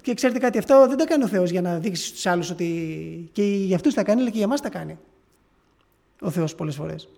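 A man preaching, retelling a story in an earnest, halting way with frequent restarts. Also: high voice, animated, vocal fry, a little mellow. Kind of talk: sermon testimony.

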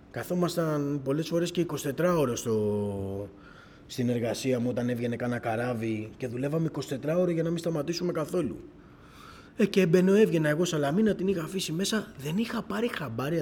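A middle-aged man giving a personal testimony to a church gathering, telling his story as an animated storyteller who keeps quoting dialogue. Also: a little high, slight background noise.

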